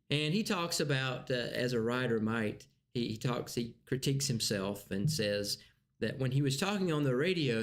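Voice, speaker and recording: Man teaching a church class, chatty and halting, mid-pitched. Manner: conversational, halting, many restarts. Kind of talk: casual teaching.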